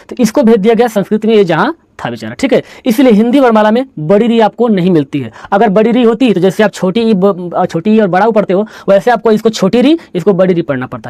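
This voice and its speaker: A man's voice: sits high, warm tone, dry recording. A male teacher giving a board lesson, asking questions and answering them himself, with playful storytelling. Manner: call-and-response questioning, playful storytelling about letters. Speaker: Hindi teacher.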